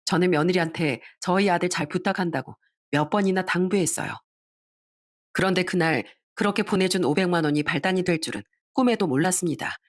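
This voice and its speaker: A woman's voice: fairly low pitch, a little fast. An older woman narrating a personal family story in a confiding, storytelling way.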